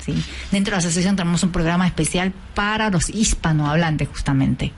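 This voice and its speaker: A woman's voice: fairly low pitch, fairly quick, a little hiss or hum. A woman with an Argentine accent, president of a cultural association, patiently explaining lessons in a radio interview. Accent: Argentine Spanish. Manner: patient, teacherly, sings out tones to demonstrate.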